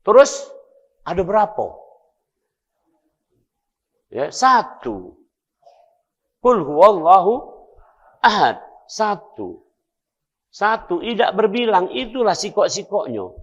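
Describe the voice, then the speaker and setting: Lively Palembang preacher, higher voice. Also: male voice, slow, pauses often. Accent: Palembang Malay. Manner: lively, playful, acts out dialogues. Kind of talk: mosque sermon. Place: mosque.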